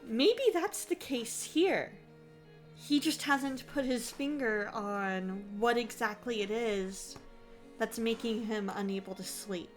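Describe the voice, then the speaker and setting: A woman host gives casual reaction commentary, thinking out loud expressively. Her voice is fairly high and very unhurried, with faint music behind it. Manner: musing aloud, expressive.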